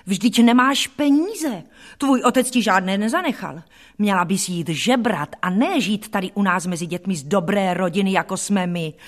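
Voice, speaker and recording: A woman voicing a spoiled, cruel boy who taunts and shouts, in an audiobook reading. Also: low-pitched, big pitch swings, hardly any pauses, husky, pitched below the performer's own voice, exaggerated voice. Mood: scornful.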